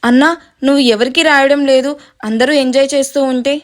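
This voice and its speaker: A woman's voice: high-pitched, steady tone, brisk, close to an everyday voice. A woman reading as a cheeky eager teenage boy.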